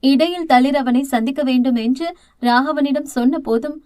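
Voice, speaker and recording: A woman narrates an audio novel in a steady, expressive reading. Her voice sits high. The recording is dry and close, with no room sound. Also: normal speed, no echo. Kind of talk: scripted narration.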